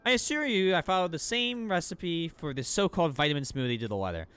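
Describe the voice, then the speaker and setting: A man's voice: fairly high pitch, lively intonation, quick pace, fairly bright tone, clean tone. A man acting out a pompous, fussy lord with formal, flowery manners from a video game. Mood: indignant.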